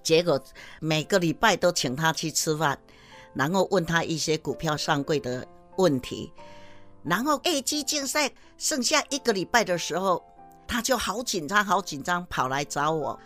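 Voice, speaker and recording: Animated woman telling a sales story. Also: lowish voice, moderate pace, faint music behind. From Taiwan. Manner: animated, addresses the audience often. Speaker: sales manager giving a lecture.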